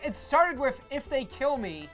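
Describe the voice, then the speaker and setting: A man's voice: very high-pitched, very animated, measured pace, pushed and bright, soft background music. A man from Russia in a casual reaction chat, blunt and sarcastic.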